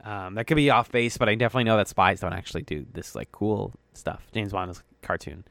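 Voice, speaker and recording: Male podcast co-host, casual and playful, smooth resonant voice, dry close mic. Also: lowish voice, fast talker, fairly bright tone, no echo. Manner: chatty, playful, trails off with fillers.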